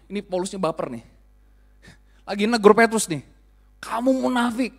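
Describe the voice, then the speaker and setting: A man's voice: sits high, normal speed. Playful male pastor preaching casually. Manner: casual, joking, acts out quoted scoldings. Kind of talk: sermon.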